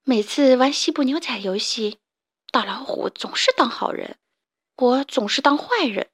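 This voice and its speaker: A woman storyteller reading a children's story aloud in a gentle, expressive, slow and clear manner. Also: high-pitched.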